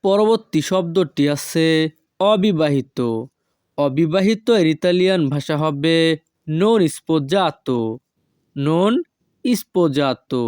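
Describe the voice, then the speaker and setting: A man with a fairly high voice teaches vocabulary in a very slow, measured drill. He stretches each foreign word out with care and repeats it. His voice sounds dry and close, with no room around it. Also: a little mellow, no echo. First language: Bengali. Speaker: language teacher.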